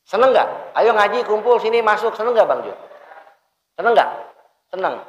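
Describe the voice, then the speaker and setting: A man teaching children about charity in a lively religious lesson, playfully asking questions and answering them himself. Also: sits high, normal speed. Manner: playful, asks questions and answers them, acts out rude and polite calls. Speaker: Quran teacher. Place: mosque hall. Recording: echoey hall.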